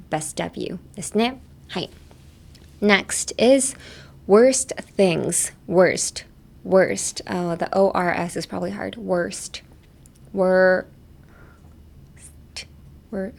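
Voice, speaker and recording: A woman's voice: medium pitch, a little mellow. A young woman hosting a casual bilingual pronunciation lesson, playfully demonstrating sounds with repeated syllables. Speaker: English pronunciation coach.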